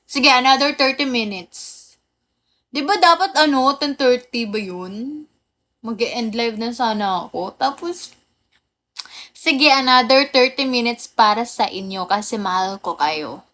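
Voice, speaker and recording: A young Filipina woman hosting a casual livestream, her voice sitting a touch high. She talks at an unhurried, slow pace, chatting with viewers, greeting them by name and laughing often. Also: fairly bright tone. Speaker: livestream host. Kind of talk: casual live chat with viewers.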